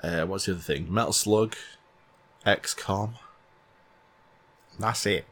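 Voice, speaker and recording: A man's voice: low voice, takes it slowly, fairly bright tone. A man reacting to a game showcase in blunt, sardonic casual commentary. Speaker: streamer.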